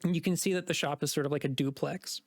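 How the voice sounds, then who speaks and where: A man's voice: a little high, fairly even intonation, quick pace, no room sound, clean studio sound. A man narrating a tabletop game as game master, describing scenes with many likes and restarts. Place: home streaming setup.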